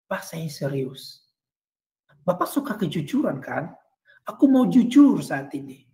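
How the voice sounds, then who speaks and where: A woman's voice: fairly low pitch, very animated, a little slow, mellow. A woman preacher voicing a wife who hesitantly and earnestly confesses she no longer loves her husband. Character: pleading wife confessing lost love.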